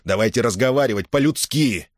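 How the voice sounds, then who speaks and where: A man reading an audiobook, voicing a village leader who makes a firm, measured appeal to the crowd. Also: medium pitch, expressive, dry recording, clean studio sound, natural voice.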